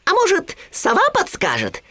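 Squeaky, excitable storybook piglet, tiny and timid; way up high with a bouncy, swooping lilt. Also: male voice, moderate pace, no room sound, heavily acted. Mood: eager.

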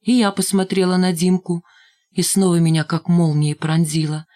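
A woman reads a story aloud in a measured, steady narration. Her voice sits somewhat low for a woman, and she keeps an even storytelling manner throughout. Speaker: audiobook reader. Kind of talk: scripted narration.

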